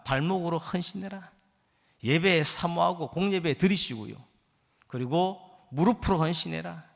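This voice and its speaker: A man in his fifties preaches with fervent, building exhortation. His voice is bright and gravelly, and it rings through a church sanctuary with a long reverb. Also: on the high side. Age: 50s. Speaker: guest pastor. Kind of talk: sermon.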